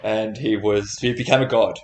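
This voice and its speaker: A man's voice: lowish voice, steady tone, normal speed. A man chatting casually on a podcast as a new member, with a playful, joking manner. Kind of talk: casual chat. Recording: roomy, echoing sound.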